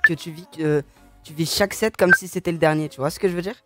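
A young man in his twenties, a radio host asking casual interview questions at a studio mic, relaxed and easily laughing. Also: a little high, quick pace, loud music behind the voice. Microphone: studio mic with headphones.

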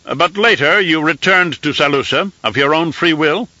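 An audiobook narrator voicing an ancient, gaunt emperor with a reedy, scratchy voice and an imperious, cackling manner. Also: male voice, on the high side, moderate pace, pushed and bright, dry recording, highs cut off, voice pushed up. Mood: probing. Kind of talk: audiobook character voice.

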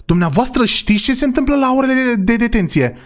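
A man playing a father in a role-play game, talking excitably and often saying "God forgive me". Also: very high voice.

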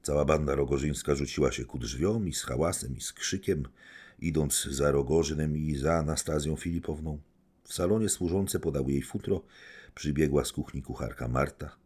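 A man narrating an audiobook in a measured, dramatic reading style. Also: extremely low pitch, darkish tone, husky. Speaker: audiobook reader.

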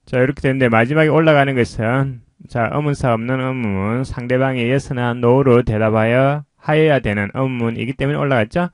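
A man teaching English pronunciation, explaining slowly and patiently in a lesson voice-over. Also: mid-range voice, fairly even intonation, dry recording, clean studio sound.

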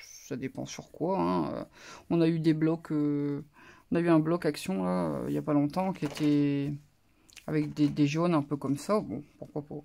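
A woman's voice: sits low, steady tone, moderate pace, gravelly, mellow. A woman vlogger casually showing off a craft haul, talking in a hesitant, musing way with many fillers. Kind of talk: casual show-and-tell haul.

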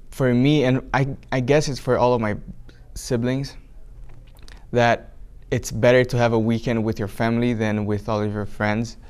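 In a small indoor room with a flag behind him, a young Portuguese-speaking Brazilian man gives hesitant interview answers full of restarts for a documentary. He speaks with a Brazilian accent, and his mid-range voice sounds a little mellow and smooth.

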